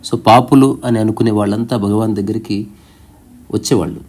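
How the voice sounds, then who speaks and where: A man narrating a spiritual story, reading it aloud in a calm, reflective way and slipping English words into his sentences. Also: on the low side, a little fast.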